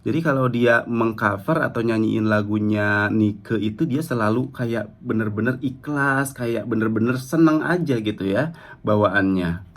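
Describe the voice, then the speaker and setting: A man's voice: lowish voice, unhurried. A young man giving casual reaction commentary on a cover song, rambling and full of fillers as he praises the singer. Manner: rambling, frequent "eh" fillers and "gitu" tags, enthusiastic praise. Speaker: music reaction vlogger.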